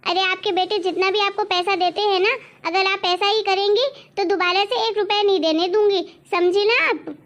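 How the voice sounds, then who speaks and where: Brief: woman doing a demanding daughter-in-law, high voice, bossy and defiant. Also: fairly even intonation, normal speed, hardly any pauses, a bit bright, highs cut off. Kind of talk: family drama acting.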